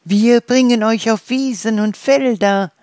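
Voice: steady tone, measured pace, no room sound, clean studio sound, natural voice. A storyteller voicing chirping little birds in a children's story. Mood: cheerful. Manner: high, chirpy, loud.

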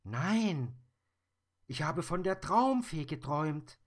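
A man voicing a bold, cheeky little girl in a high, lively storybook voice. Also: takes it slowly, heavily acted.

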